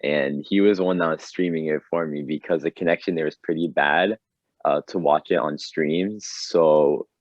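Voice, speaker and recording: Young man with a deep, excitable voice. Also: normal speed, no room sound. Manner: excitable, laughs often, rambling with restarts. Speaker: podcast co-host. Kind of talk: casual chat. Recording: dull, dry lo-fi sound.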